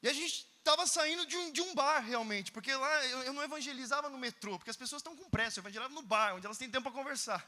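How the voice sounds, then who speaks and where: High, bright Brazilian preacher. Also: male voice, fast talker, few pauses. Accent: Brazilian Portuguese. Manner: animated storytelling that bursts into shouts. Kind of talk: conference sermon. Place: large conference hall. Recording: long reverb of a conference hall.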